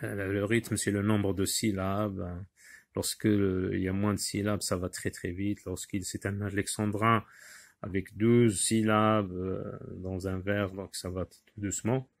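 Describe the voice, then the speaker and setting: A man's voice: on the low side, unhurried. A man teaching a lesson on poetry, hesitant with many fillers and restarts, stressing his wordplay examples. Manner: explains with wordplay examples, lively emphasis. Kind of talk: recorded French lesson on poetry.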